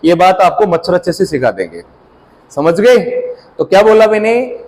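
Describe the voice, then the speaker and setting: High-voiced man teaching a drilling class. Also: very animated, a little mellow, poor audio. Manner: quizzes the class with repeated call-and-response prompts; repeats key terms slowly for emphasis. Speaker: competition exam teacher. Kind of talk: classroom lecture.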